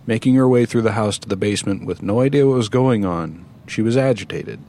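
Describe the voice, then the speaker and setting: A man reading a horror story aloud with steady, measured narration. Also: lowish voice.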